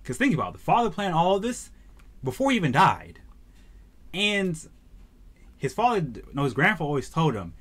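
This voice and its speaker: A man reviews an anime in a casual vlog, retelling its plot in an excitable, slangy way. His voice sits a bit high and swings widely as he talks. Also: moderate pace, pauses often.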